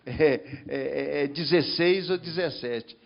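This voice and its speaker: Higher-voiced man from the Northeast, halting. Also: gravelly, dull audio. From Brazilian Northeast. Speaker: panel member. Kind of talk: panel discussion.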